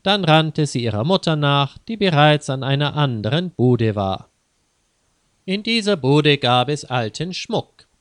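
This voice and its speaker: A man reads a children's story aloud at a slow, measured pace. His voice is smooth and clear. The recording is dry and close, with no room sound. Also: fairly high pitch, expressive, no room sound. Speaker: narrator.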